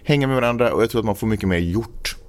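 Low-voiced man co-hosting a chatty podcast. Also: darkish tone. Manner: rambling, self-interrupting, joking. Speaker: podcast co-host. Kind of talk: casual chat.

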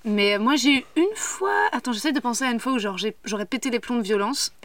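A woman's voice: a little high, animated, fast, fairly bright tone, distant mic. A woman hosting a podcast, frank and joking, reacting to her guest in casual chat. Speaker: podcast host. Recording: voice a bit off-mic.

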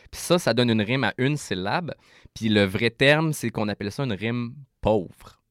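A man with a Québécois French accent, a rapper guest explaining rhyme in a casual interview, animated and full of restarts. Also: mid-range voice, a little slow, no room sound, clean studio sound.

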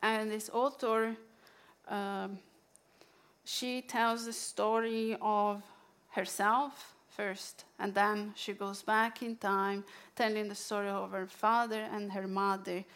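Italian-accented woman chatting about books, slow, lots of ums and restarts. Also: medium pitch, level tone, fairly bright tone, smooth. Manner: halting, many fillers and restarts. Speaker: book presenter. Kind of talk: casual book sharing with a poetry reading.

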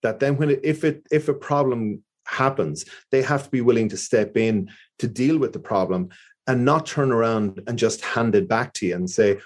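A man's voice: medium pitch, normal speed. A man with an Irish accent, a business owner talking earnestly in an interview and repeating his key points. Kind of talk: conversational interview.

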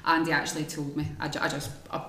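A woman's voice: deep voice, level tone, quick pace, over a noisy crowd. A Scottish woman speaking candidly and chattily as a guest in a live podcast interview. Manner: candid, chatty, plain-spoken. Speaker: guest runner. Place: room at a live event. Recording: echoey room, faint noise.

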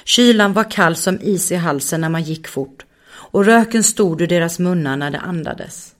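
A woman narrating a children's story in a calm, measured way. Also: on the low side.

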